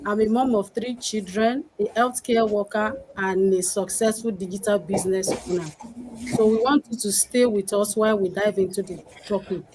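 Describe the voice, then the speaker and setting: A woman's voice: mid-range voice, steady tone, moderate pace, a little mellow, a little hiss or hum, low-quality recording. A woman from Nigeria, hosting a live-stream talk with upbeat, welcoming greetings. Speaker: host of a live panel.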